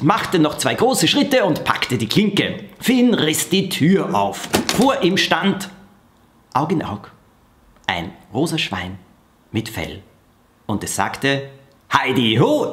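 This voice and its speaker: A man reading aloud from his own children's novel in an expressive storytelling manner. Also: medium pitch. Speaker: author reading his book.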